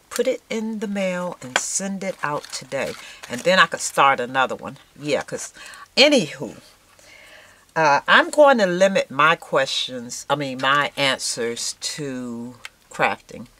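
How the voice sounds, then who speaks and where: A woman's voice: extremely low pitch, noisy background. A woman in her sixties chatting casually to viewers while she works on a craft project, with lots of fillers and a repeated "yes". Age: 60s. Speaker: craft vlogger. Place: indoors at a cluttered craft table.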